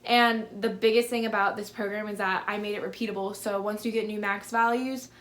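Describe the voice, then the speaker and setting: A woman's voice: mid-range voice, fairly even intonation, fairly quick, a bit bright. A woman in her twenties with a lisp, answering viewer questions in a casual vlog, filling her talk with "like". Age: 20s. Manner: chatty, lots of "like" fillers. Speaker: fitness vlogger. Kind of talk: casual Q&A to camera.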